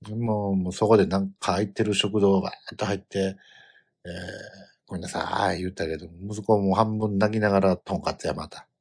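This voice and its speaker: Here the Kansai-accented middle-aged man shares a family travel tale in casual talk, animated, with loud outbursts. He sounds deep and husky and speaks briskly.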